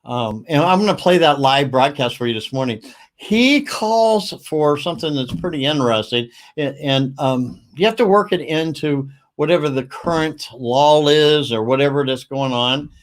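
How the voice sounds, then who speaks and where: A man's voice: on the high side, expressive. Upbeat rambling man on a livestream. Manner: rambling, upbeat, quick asides. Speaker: livestream host. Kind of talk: casual livestream talk.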